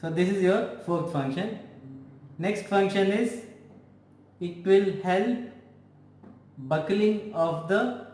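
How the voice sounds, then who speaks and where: A man giving a physiotherapy lecture, explaining slowly with frequent repetition and restarts. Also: sits high, darkish tone. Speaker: physiotherapy teacher. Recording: echoey room with faint ambient noise.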